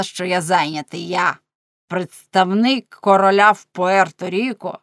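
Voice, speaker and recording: A woman's voice: fairly low pitch, a bit bright, dry recording. A haughty, scornful colonial governor speaks up with a raised, sneering voice, as a woman reading a novel puts him on. He taunts and preens in a pompous way, in a dry close recording. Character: arrogant mocking male colonial governor. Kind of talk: audiobook character voice.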